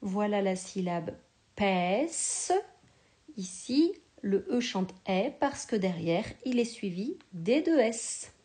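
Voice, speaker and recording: A woman teacher giving a slow, patient spelling lesson to a young child, sounding out each syllable with care. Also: medium pitch, animated, mellow.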